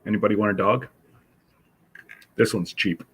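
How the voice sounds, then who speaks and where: A congested middle-aged man hosting a livestream from home, chatting casually in a slow, rambling way with many fillers. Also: lowish voice, fairly bright tone, slight background noise. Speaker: livestream host.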